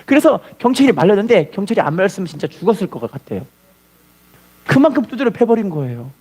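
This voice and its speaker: A man preaching a sermon as a pastor, telling a story with lively call-and-response. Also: sits high, quick pace, breathy edge.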